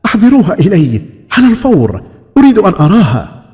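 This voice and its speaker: A man's voice: mid-range voice, huge pitch swings, fairly quick, warm tone, soft background music. A man voicing a volatile, commanding king in a folk tale, exclaiming dramatically. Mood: eager, commanding. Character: volatile, grief-stricken king, commanding and emotional. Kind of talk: folk tale character acting.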